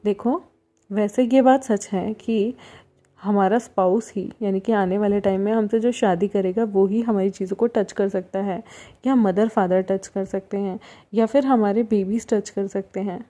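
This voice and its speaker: A woman's voice: mid-range voice, steady tone, moderate pace, warm tone, lightly acted. A woman voicing a kind older brother who soothes and scolds firmly, in a storybook reading. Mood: gentle. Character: gentle, caring older brother, firm when scolding.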